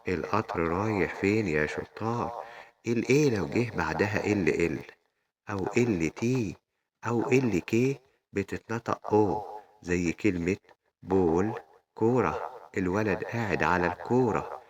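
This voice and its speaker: A man with a very deep voice and an Egyptian accent, teaching young children the sounds of English letters. He speaks in a friendly, sing-song way and slows down to repeat each example word. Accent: Egyptian Arabic.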